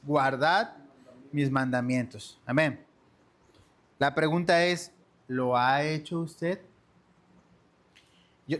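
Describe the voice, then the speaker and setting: A man whose voice sits on the high side, with a slightly bright quality, teaches a church discipleship lesson. He speaks in an earnest, sermon-like style and often calls his listeners brothers and sisters.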